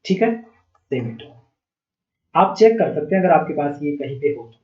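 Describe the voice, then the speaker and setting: A man's voice: fairly high pitch, expressive, quick pace. A man teaching music theory, who asks the class questions and answers them himself. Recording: dull, echoey room sound.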